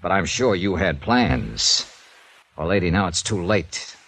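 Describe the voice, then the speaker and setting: In a 1950s radio drama, an actor plays a hard-boiled, sardonic male insurance investigator, delivering his lines in a brisk, accusing way. The full character voice sits low yet sounds animated and a bit bright.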